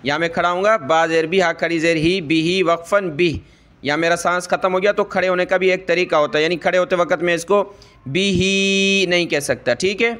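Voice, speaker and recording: A man teaching Quran recitation. He explains each rule slowly, checks in with "ठीक है" over and over, and chants the verses long and drawn out. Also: high-pitched, fairly even intonation, fairly bright tone. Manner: says "ठीक है" often to check the listener. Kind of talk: Quran tajweed lesson.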